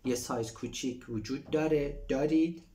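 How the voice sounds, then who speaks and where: Man, language teacher, reads Turkish lines then explains them, mid-pitched voice. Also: lively intonation. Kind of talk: explaining a textbook dialogue.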